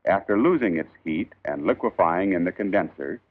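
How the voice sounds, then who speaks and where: A man reading a scripted 1940s instructional film in a formal, measured, emphatic old newsreel narrator style. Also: low-pitched, lively intonation. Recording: tinny band-limited 1940s film soundtrack.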